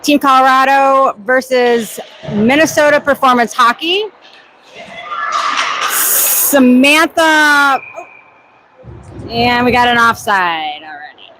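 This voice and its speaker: A woman giving a casual play-by-play of a youth hockey game from the rink stands, into a camera mic, with quick apologetic asides. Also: sits high, animated, bright, forceful tone, a little hiss or hum, low-quality recording. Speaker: volunteer play-by-play commentator. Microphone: camera microphone.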